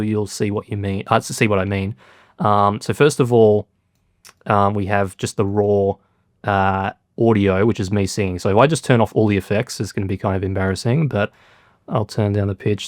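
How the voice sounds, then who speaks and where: Male producer, low-ish voice, dry sound, casual and self-deprecating tutorial delivery. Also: no room sound. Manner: relaxed, lots of fillers, self-deprecating. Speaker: music producer.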